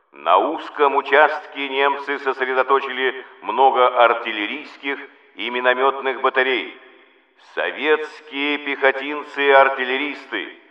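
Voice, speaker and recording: Booming solemn state radio announcer, man, roomy sound. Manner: booming, solemn, declamatory state announcer delivery with weighty pauses. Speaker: wartime radio announcer reading a military bulletin. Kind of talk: 1940s Soviet state radio news bulletin, formal scripted reading. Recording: dull roomy vintage radio recording.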